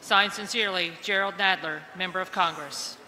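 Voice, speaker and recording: Male reading clerk, intensely bright and forceful, formal delivery in a reverberant chamber. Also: sits high, fairly even intonation, moderate pace. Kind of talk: formal reading aloud of documents.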